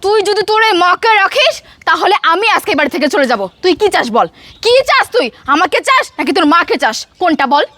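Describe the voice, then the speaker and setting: A woman playing a shrill, defiant young wife. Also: big pitch swings, dry recording, full character voice. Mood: angry. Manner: taunting, insulting, rapid-fire shouting. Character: sharp-tongued young wife, defiant and hostile. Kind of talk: melodramatic family drama acting.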